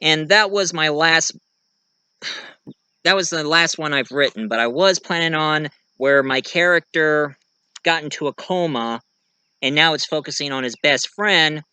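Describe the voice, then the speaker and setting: In this casual vlog, a man who makes videos and writes as an amateur goes on excitedly about his own work. He sounds a little high, bright and forceful, yet smooth, with no room sound in the clip.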